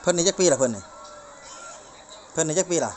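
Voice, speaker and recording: A woman's voice: low-pitched, expressive, fast, darkish tone, a little hiss or hum. A woman with an Isan accent in casual chat, asking questions in a teasing, informal way.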